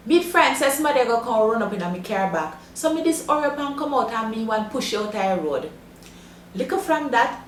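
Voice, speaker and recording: Jamaican Patois-speaking woman, roomy echo. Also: medium pitch. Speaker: host of a Jamaican language lesson. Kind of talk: storytelling in patois. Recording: roomy echo, faint background noise.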